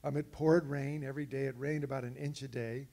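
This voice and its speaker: A man walks an audience through his slides, telling stories in a relaxed, easygoing way. His voice is dark and mellow with a gravelly edge, and he often pauses on fillers and restarts his sentences. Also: medium pitch. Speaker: speaker presenting slides of an expedition. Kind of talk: illustrated talk to an audience.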